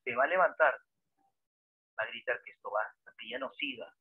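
This man's voice is fairly high, gravelly and breathy, and a little fast as he gives a spirited history lecture full of dramatic stories and rhetorical questions. The audio is dry and tinny, like a phone call, with no room sound.

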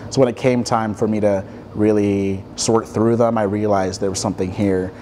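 A man's voice: lowish voice, steady tone, normal speed, warm tone, slight background noise. A man in his twenties, raised across Africa, answering interview questions thoughtfully with many ums and restarts in a studio. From Ethiopia, raised across Africa. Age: 20s. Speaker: guest artist. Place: dim studio with armchairs.

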